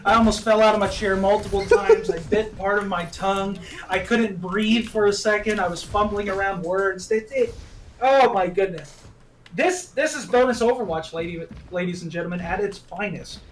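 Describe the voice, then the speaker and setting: A man doing play-by-play esports commentary, excitable and laughing at his own slips of the tongue. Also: sits high, normal speed. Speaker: esports caster. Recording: distant mic with background noise.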